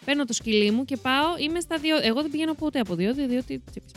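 A woman's voice: high-pitched, soft background music. Chatty young woman, rambling story. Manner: rambling, self-correcting, laughs often. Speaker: podcast co-host. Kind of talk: casual chat, storytelling.

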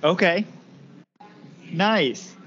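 A man's voice: sits high, animated, extremely slow, a bit bright, muffled recording, slight background noise. A man in his thirties hosting a podcast in a casual, chatty way, rambling with lots of ums and restarts. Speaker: podcast host.

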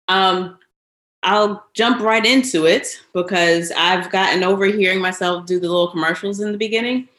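Podcast host, woman, low-pitched, laid-back and a bit crude, roomy sound. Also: fairly bright tone. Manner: casual, profane, conversational. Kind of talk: casual podcast interview. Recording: roomy echo.

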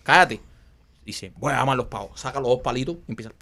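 A man's voice: mid-range voice, quick pace, pushed and bright. A man telling a funny story in casual chat, acting out the quotes and laughing often.

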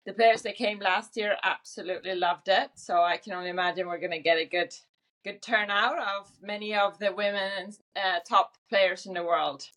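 A woman's voice: mid-range voice, fairly even intonation, normal speed, a bit bright. A middle-aged woman from Sweden with a Swedish accent, talking casually as a guest in an interview, chatty and laughing easily with lots of fillers. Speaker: guest, tennis event director. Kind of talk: conversational interview answers.

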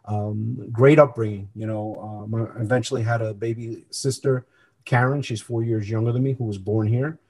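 Speaking earnestly as an interview guest, this Colombian-born man who grew up in New Jersey shares personal stories in a conversational way. He's middle-aged, with a lowish, husky, slightly mellow voice, fairly even intonation and a normal pace.

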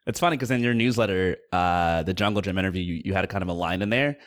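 A man in his thirties hosts the conversation, chatty and quick to laugh. He talks fast in a somewhat low voice. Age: 30s. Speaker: interview host. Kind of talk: casual interview chat.

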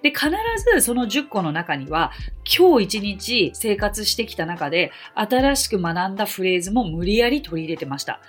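A woman hosting a podcast on learning English, explaining in an earnest way with bursts of excitement. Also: medium pitch, moderate pace, hardly any pauses, soft background music. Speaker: English conversation teacher and podcast host. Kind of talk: podcast talk.

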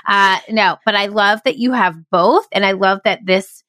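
A woman hosts a podcast in a casual, eager interview chat, cheering her guest on as she goes. Her voice is dry and close, with no room around it, and it sits at an ordinary middle pitch. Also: normal speed, fairly bright tone, no echo. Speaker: podcast host.

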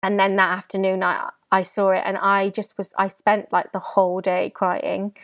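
Tearful woman, halting speech. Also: mid-range voice, monotone, a bit bright, no echo, highs cut off. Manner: halting, many restarts and fillers, tearful at times. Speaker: guest. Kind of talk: candid emotional interview.

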